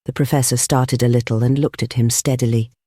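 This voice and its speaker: An audiobook narrator reading a classic novel in an even, measured way. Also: mid-range voice, no echo, clean studio sound. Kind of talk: scripted narration.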